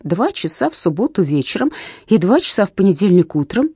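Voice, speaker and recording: Brief: woman reader as a soft, persuasive storybook mother, warm tone, lively pitch. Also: a little fast, breathy edge, no echo, studio quality. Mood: coaxing. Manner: coaxing, wistful. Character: practical mother, gently persuasive.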